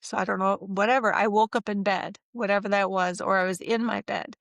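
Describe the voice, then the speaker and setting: A middle-aged woman recounting a personal experience in a casual interview, animated and acting out what others said, with frequent laughs. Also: mid-range voice, a little fast, gravelly, no room sound. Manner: animated, acts out quoted voices, laughs often. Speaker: interview guest.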